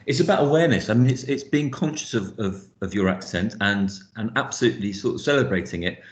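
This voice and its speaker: A man with a received pronunciation accent leads an online phonics teaching session, speaking earnestly and haltingly, often repeating words. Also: lowish voice, lively intonation. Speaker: phonics trainer. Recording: echoey, dull lo-fi call audio.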